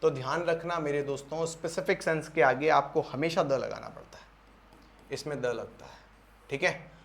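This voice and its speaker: Indian guy teaching english for exams, high voice, keeps repeating himself and asking the class questions. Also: moderate pace, vocal fry. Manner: repeats points and asks the class rhetorical questions. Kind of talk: exam-prep English lesson.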